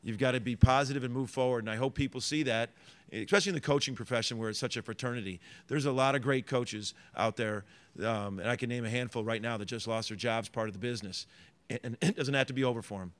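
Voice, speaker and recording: A man's voice: medium pitch, fast talker, fairly bright tone. A middle-aged man, a college basketball head coach, answering reporters' questions at a press conference in earnest, rambling sentences full of fillers and restarts.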